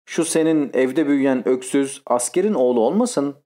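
A man's voice: medium pitch, moderate pace, dark tone, natural voice. A male audiobook reader voicing an old, drowsy but indignant grandfather prince. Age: older.

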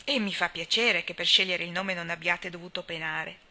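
A gossipy older spinster, as a woman reads her part aloud, talks on in a chatty, emphatic way. Her voice sits a little low but has a sharp, bright edge. This is audiobook storytelling. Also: steady tone, normal speed. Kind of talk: audiobook character reading.

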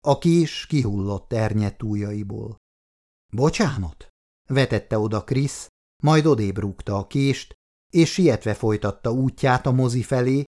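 Brief: male audiobook narrator, mid-pitched, measured delivery that slows for suspense. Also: darkish tone. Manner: measured, dramatic, slowing on tense phrases.

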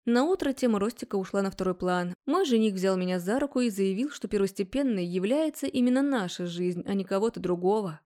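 A young woman narrating a first-person story, brisk and wry. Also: medium pitch, lively intonation, warm tone.

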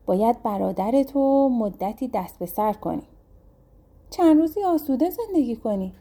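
A domineering yellow demon from a spoken folktale, drawling his threats slowly. A woman narrator gives him voice, low in tone and husky. He is ugly and pushy, never gentle. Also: animated. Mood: bossy.

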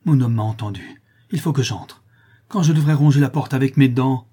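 Fierce frantic young woman, pitched high and shouting; male narrator voicing her. Storybook. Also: moderate pace, husky, natural voice. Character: fierce desperate young woman, wild and loud.

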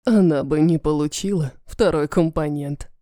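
A woman voicing a cruel, mocking ancient male dragon lord who talks slowly and menacingly. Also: low voice, warm tone, dry recording, studio quality, voice pushed down, lightly acted. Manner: slow, sneering, menacing.

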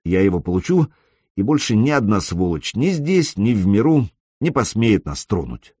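A man reading an audiobook, voicing a self-assured young male gamer who speaks softly and reassuringly. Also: very animated, moderate pace, breathy edge, no room sound, clean studio sound. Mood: tender. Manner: soft, low and reassuring.

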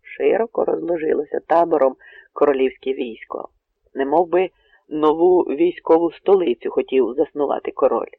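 A man narrating a historical novel in a steady, measured storytelling voice. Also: on the high side, vocal fry, husky, no echo. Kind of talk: audiobook narration. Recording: narrow phone-like radio sound.

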